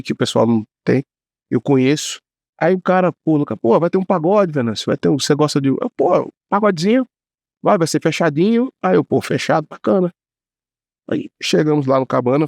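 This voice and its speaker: A man who works as a police commissioner, telling a story casually on a podcast in an animated, slangy way. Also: fairly high pitch, gravelly, no room sound, clean studio sound.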